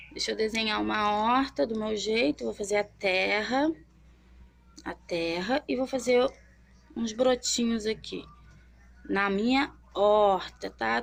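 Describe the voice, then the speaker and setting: A young woman teaching a children's literacy lesson, drawing as she talks and slowly sounding out syllables, often checking in with the listener. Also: fairly high pitch, creaky, fairly bright tone. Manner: checks in often with tag questions.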